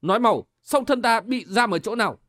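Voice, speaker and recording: A stern, vengeful young swordsman from a martial-arts audiobook, as a man acts him out, barking out his demands. The voice is high for a man and recorded dry and close. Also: animated, fairly quick, no echo. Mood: angry. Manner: angry, shouting, stern.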